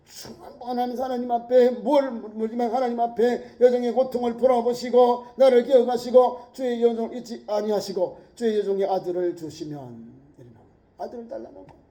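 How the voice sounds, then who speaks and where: High, thin-voiced Korean pastor preaching. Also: male voice, fairly quick, dark tone. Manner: emphatic preaching, rhetorical questions, acts out quoted prayers. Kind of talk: sermon.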